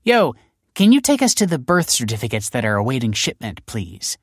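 A male audiobook narrator plays a breezy, mocking female police detective who needles people with sarcastic politeness, in a playful mood. His medium-pitched voice is pushed up, with huge pitch swings and a brisk pace. The studio sound is clean, with no room sound.

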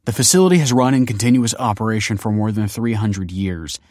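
A man's voice: lowish voice, fairly quick, a little mellow, no echo, clean studio sound, lightly acted. A male audiobook narrator voicing a stiff, defensive woman who runs a factory and answers in curt, guarded lines.

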